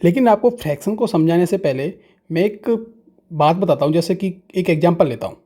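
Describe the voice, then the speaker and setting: Patient man teaching, mellow voice. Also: a little high. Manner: slow, patient, asks questions and answers them himself. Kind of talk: explaining fractions to students.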